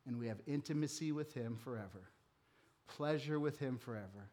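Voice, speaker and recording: A male pastor preaching a sermon in a church, talking casually and then building higher and louder when stirred, and slowing right down to read scripture. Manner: reads scripture slowly and deliberately.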